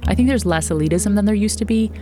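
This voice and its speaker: A woman with an American accent hosting a podcast, reading scripted narration in an articulate, measured way. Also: medium pitch, over music. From northern New Mexico, United States. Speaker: podcast host.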